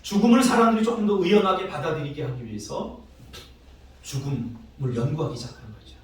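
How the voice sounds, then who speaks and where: A male pastor preaching a sermon, telling stories with emotional swings between soft and loud. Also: brisk, slight background noise. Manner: emotional storytelling with dramatic swings in pitch and loudness. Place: church sanctuary. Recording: echoey church hall, distant mic.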